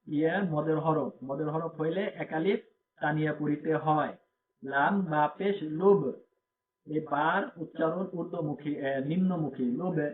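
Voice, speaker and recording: A man with a fairly high voice teaches Quran reading. He spells out each letter and vowel mark, then repeats the joined sound. The audio is thin and phone-like, with a faint hum underneath. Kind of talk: slow spelled-out recitation lesson.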